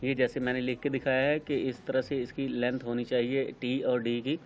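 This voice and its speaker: Brief: Pakistani male tutor, even monotone delivery, slow step-by-step explanation, dull lo-fi recording. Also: mid-range voice, faint music behind. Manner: unhurried, explains step by step with many pauses and fillers. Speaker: shorthand teacher. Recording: dull lo-fi sound with faint noise.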